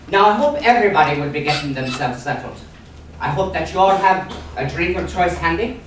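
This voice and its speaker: A man hosting a pub cabaret with lively stage banter, slipping into jokey Irish pub patter. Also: high-pitched, distant mic. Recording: echoey room recorded from afar, background noise.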